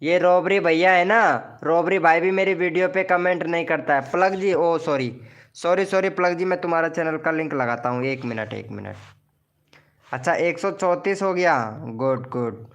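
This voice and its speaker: A man's voice: a little high, moderate pace, muffled recording. A man hosting a casual live stream who promotes viewers' channels, teases them jokingly and calls each of them by name.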